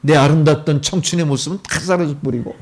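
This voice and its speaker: A man's voice: fairly high pitch, fairly even intonation, quick pace. A middle-aged male pastor preaching a sermon, often putting questions to the congregation.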